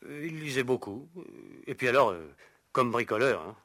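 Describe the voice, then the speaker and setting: A man's voice: medium pitch, expressive, normal speed, pushed and bright. An actor playing a gossipy male household servant in an old radio play, hesitant and full of fillers before tattling eagerly.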